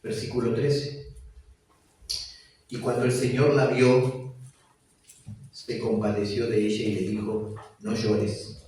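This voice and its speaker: A pastor with an Argentine Spanish accent preaching a sermon slowly and emphatically, repeating key phrases. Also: male voice, fairly low pitch, flat delivery, mellow. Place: church. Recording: echoey church hall, mic from a distance.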